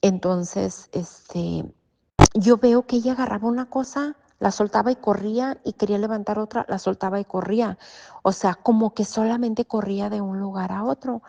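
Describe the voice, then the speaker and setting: Creaky-voiced woman. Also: medium pitch, fairly even intonation, moderate pace, warm tone. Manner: hesitant, searching for words. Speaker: interview guest. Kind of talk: telling a personal testimony in an interview. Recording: slightly muffled audio.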